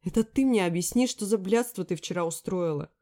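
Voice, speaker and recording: A woman reading an audiobook, voicing a sharp-tongued young woman friend who scolds and mocks loudly. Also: fairly low pitch, fairly quick, close to an everyday voice. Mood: scolding. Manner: loud, scolding, sarcastic. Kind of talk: audiobook character voice.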